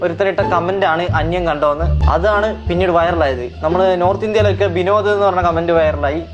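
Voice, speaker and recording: Male commentator, rapid chatty explainer, dull lo-fi sound. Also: high voice, music in the background.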